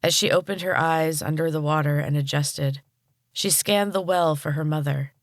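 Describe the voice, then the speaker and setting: A woman podcast host narrating a storybook chapter in a calm, measured way. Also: low-pitched, dry recording, studio quality.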